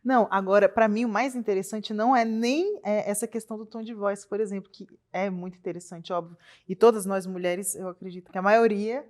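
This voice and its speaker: A woman's voice: mid-range voice, brisk, few pauses, darkish tone. A woman in casual chat, thoughtful and agreeable as she adds her view.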